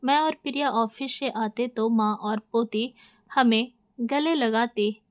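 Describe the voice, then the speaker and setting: A woman storyteller reading a scripted story in a steady, even-paced way. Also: a little high, slow, smooth. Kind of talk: scripted narration.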